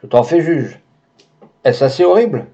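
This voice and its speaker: A man voicing an agitated young man, loud and outraged, on a dull lo-fi recording. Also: a little high, expressive, normal speed, pitched above the performer's own voice. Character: young man, jealous, furious, distraught.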